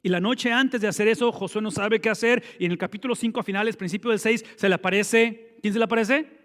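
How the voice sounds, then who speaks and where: A male pastor preaches a sermon in a fairly high voice. He fires rhetorical questions at the congregation and answers them himself, leaning hard on key words and then dropping into quiet asides. His voice rings out with the long reverb of a large church hall. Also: steady tone, fast talker. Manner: emphatic, swinging between loud stresses and quiet low asides.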